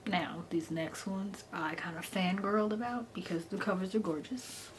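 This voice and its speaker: In a steady, mid-range voice at a normal pace, a woman enthuses about a book in a relaxed, chatty manner, doubling up words for emphasis. The recording carries noticeable background noise.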